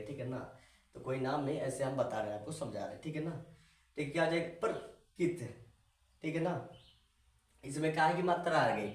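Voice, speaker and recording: A man teaches in a casual, repetitive way, forever checking in with questions to his listener. His voice sits a little high for a man and sounds set back from the microphone in a roomy, echoing space. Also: distant mic. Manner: repetitive, keeps asking the viewer questions. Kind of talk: casual spoken lesson. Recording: echoey room, voice away from the mic.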